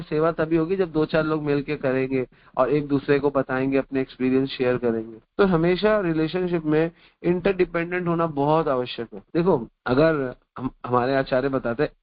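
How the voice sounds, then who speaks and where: A man giving a spiritual discourse as a devotional teacher, switching between Hindi and English and repeating his phrases, with a chatty storytelling manner. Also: a little high. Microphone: video call. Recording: dull lo-fi online call audio.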